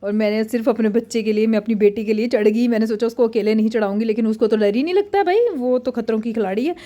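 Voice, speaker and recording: A woman in her thirties, a mother narrating a family vlog in a chatty, excitable way. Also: on the high side, fast talker.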